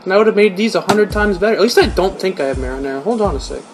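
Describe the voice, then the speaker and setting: A man's voice: sits high, expressive, rapid-fire, poor audio. A young man making a casual cooking vlog at home, joking and mocking himself. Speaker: YouTuber. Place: home kitchen. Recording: music playing underneath.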